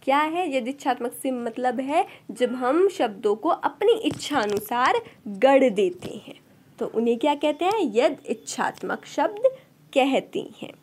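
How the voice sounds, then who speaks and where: A woman's voice: high-pitched, very animated, measured pace, a little mellow, slightly rough. A woman teaching an exam-prep lecture, asking rhetorical questions and answering them herself. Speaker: Sanskrit teacher.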